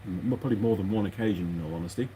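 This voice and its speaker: Speaking very fast in a low, dark voice, this mechanic and vlog host mutters his way through a casual, meandering workshop chat, sounding hesitant. Clicks and rustling parts fill the noisy workshop audio.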